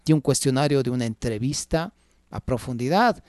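A radio host teaching academic writing reads punctuation marks aloud, repeats each example and tosses in frequent "ajá" asides. He sounds lively with varied pitch, speaks at a moderate pace, and the recording is dry and clean, studio quality.

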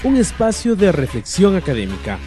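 Dramatic male announcer over loud music. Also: high-pitched, wildly swooping pitch, normal speed. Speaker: show announcer. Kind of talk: scripted intro narration.

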